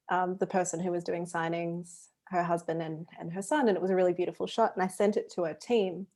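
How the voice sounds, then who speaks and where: A woman's voice: fairly low pitch, a little mellow. A woman co-hosting a podcast, talking in a casual, chatty way with fillers. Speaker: podcast co-host. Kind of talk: casual chat.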